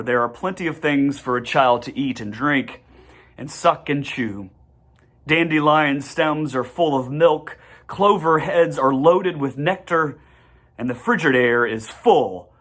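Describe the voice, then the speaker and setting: In a medium-pitched, somewhat bright voice, someone reads a children's storybook aloud, pacing phrases carefully and deliberately and sometimes stumbling.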